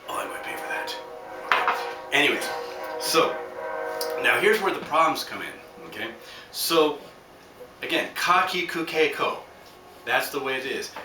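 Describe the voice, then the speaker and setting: A man's voice: fairly high pitch, animated, a little slow, long pauses, over music. A man hosting a podcast, giving a rambling, joking lesson full of fillers and asides. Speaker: podcast host teaching Japanese. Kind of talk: casual spoken lesson. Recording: roomy, distant from the mic, faint background hum.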